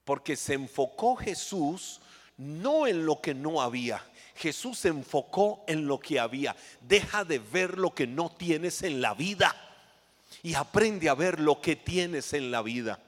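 A man preaching a sermon in an emphatic way, swinging between loud and hushed phrases as he acts out scenes. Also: fairly high pitch, animated, measured pace, long reverb tail.

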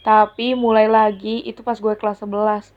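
A young woman tells a story from her school days at a middle pitch, in casual slang with an exasperated, lively edge. The recording sounds dull and lo-fi. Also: moderate pace. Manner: slangy, exasperated, animated retelling. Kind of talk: personal storytelling monologue.

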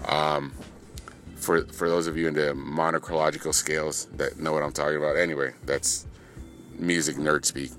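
A man's voice: normal speed, soft background music. A man coaching at a gym, recapping the day's workout for his podcast in a casual, joking way, full of fillers and playful hype. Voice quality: low monotone voice, by his own joke.

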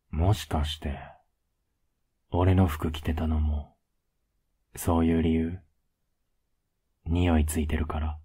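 Young boyfriend, played by a man, ASMR role-play. Husky, flat and unhurried, affectionate with gentle teasing. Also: heavily acted. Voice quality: low, husky, soft. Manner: laid-back, gently teasing, intimate.

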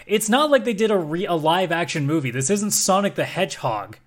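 A man's voice: high voice, animated, brisk. A man co-hosting a podcast in casual chat, talking in a blunt, opinionated and emphatic way. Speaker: podcast co-host.

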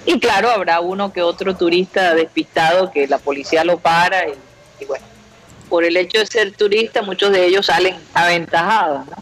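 A man's voice: high-pitched, fairly quick, fairly bright tone, poor audio. A man co-hosting a podcast, chatting casually and unhurriedly about the city coming back to life. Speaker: podcast co-host. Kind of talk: casual conversation.

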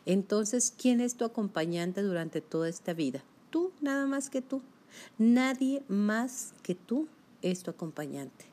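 A woman's voice: medium pitch, lively intonation, measured pace, mellow. A woman giving a self-help talk, speaking emphatically and straight to the listener. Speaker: motivational speaker.

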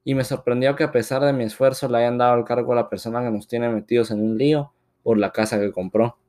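A man's voice: medium pitch, steady tone, fast talker, warm tone, natural voice. A man voicing a young woman who is frustrated at work and close to tears. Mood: aggrieved.

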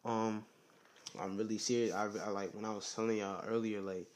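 A young man hosts his own podcast alone, chatting loosely and circling back on himself. His voice sits on the low side and he keeps it subdued, peppering his talk with slang and filler phrases. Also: little pitch movement, normal speed. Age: young adult. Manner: rambling, slangy, often says "you know what I'm saying". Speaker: podcast host. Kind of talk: casual solo podcast chat.

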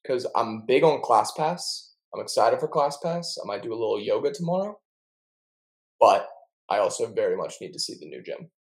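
A man's voice: mid-range voice, very animated, moderate pace, creaky, low-quality recording. Chatty young man telling jokey stories. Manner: chatty, jokey storytelling with playful word mangling. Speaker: podcast co-host. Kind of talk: casual chat.

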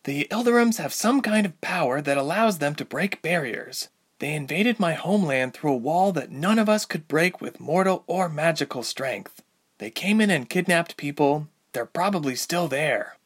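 A man's voice: fairly high pitch, expressive, moderate pace, husky, voice pushed up. A man voicing an icy, determined young mermaid. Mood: icy, insistent.

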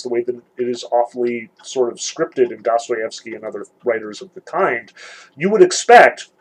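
A man's voice: medium pitch, husky, low-quality recording. A man giving an informal literature lecture, talking loosely with many "like"s and "sort of"s and reading passages aloud from a novel. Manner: loose and conversational, full of "like" and "sort of".

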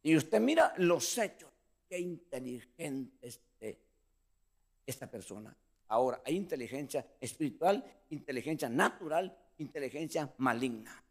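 Animated preaching man, lively pitch. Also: normal speed. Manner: preaching with lively pitch swings, addressing listeners as brother. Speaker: pastor. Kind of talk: sermon.

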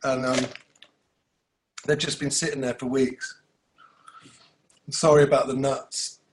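A man's voice: medium pitch, level tone, a little slow, a little hiss or hum. A man on a comedy panel, rambling and self-mocking over a video call.

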